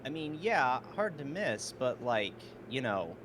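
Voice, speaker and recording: Man as a hesitant rogue, swinging widely in pitch. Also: big pitch swings, a bit bright. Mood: wary. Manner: hesitant, halting, evasive. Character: wary, reluctant male rogue dodging a fight. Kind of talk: tabletop role-play. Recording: clearly noisy background.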